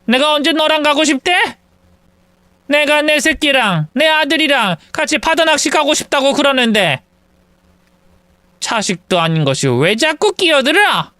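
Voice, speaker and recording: A man's voice: sing-song, unhurried, sharp tone, clear, resonant tone, no room sound, exaggerated voice. A man voicing a bitter, domineering older mother-in-law who scolds and wails in self-pity. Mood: scolding. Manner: shrill, self-pitying wailing.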